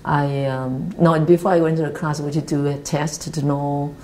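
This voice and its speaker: Low-voiced Taiwanese woman recalling her life. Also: little pitch movement, dark tone, poor audio. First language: Mandarin Chinese. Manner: earnest, halting non-native English with restarts. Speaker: interviewee. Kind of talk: reflective life-story interview. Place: office meeting room, seated at a table.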